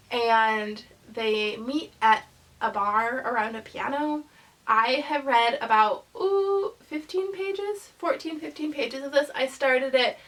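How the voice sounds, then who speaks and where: A young woman talks through her new books in a loose, rambling vlog chat, full of ums and likes. Her voice is congested from a cold, fairly high with a gravelly fry. She sits a bit back from the mic. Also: fairly bright tone, far from the mic, rough recording. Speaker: book channel host. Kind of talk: casual book haul vlog.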